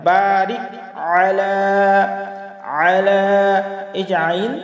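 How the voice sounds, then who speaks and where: High-voiced man teaching recitation, echoey. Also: a little mellow, soft background music. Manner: slow drawn-out chanted recitation between explanations. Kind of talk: word-by-word pronunciation lesson.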